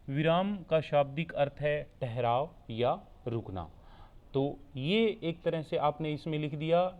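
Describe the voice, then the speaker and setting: A man giving a steady explanatory online lecture as a teacher-training instructor, repeating points so students can take notes. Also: fairly high pitch. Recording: tinny phone-like recording.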